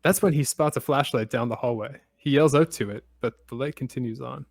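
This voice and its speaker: Male podcast host, casual recapper with deadpan asides, dry close sound. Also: medium pitch, a little fast, gravelly, no echo. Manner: steady storytelling with dry asides.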